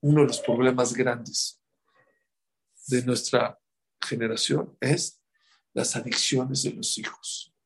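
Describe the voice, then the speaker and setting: A man's voice: medium pitch, fairly even intonation, slow, creaky, long pauses, slightly rough. A man giving a religious talk, telling stories and repeating words for emphasis. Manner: storytelling, acting out quotes, repeats words for emphasis. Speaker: religious speaker. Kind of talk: sermon.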